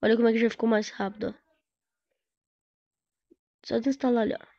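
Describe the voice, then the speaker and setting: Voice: mid-range voice, flat delivery, brisk, mellow, no room sound, highs cut off. A gaming streamer from Brazil, chatting casually and slangily while reacting to a video. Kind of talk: casual chat over gameplay.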